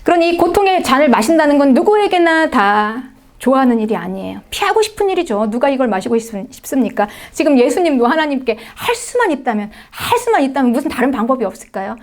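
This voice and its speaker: A woman's voice: high-pitched, sing-song, quick pace. A middle-aged woman pastor preaching a sermon, emphatic, with frequent rhetorical questions and short affirming words to the congregation.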